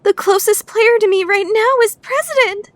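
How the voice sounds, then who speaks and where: A woman's voice: very high voice, normal speed, no echo. A woman playing a refined, proud, secretly lovestruck teenage girl in an anime fandub radio play. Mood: flustered, hopeful.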